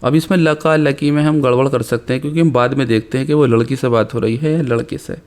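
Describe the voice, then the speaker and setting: A man teaching an Arabic grammar lesson, reading examples slowly and explaining them quickly. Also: mid-range voice, fairly even intonation, darkish tone. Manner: slow deliberate reading of examples, rapid explanations between. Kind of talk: recorded language lesson.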